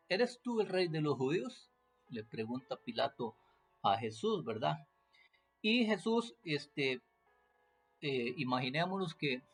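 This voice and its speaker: Man, teaching scripture off the cuff; rough fry in the voice, lots of fillers and restarts. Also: mid-range voice. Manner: hesitant, many fillers and restarts, rhetorical questions. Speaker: preacher. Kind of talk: unscripted Bible teaching.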